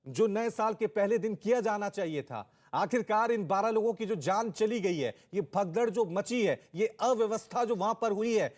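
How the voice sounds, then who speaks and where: High-voiced male news anchor. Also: animated, normal speed, hardly any pauses, a little mellow. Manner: urgent, questioning delivery. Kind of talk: studio news reading.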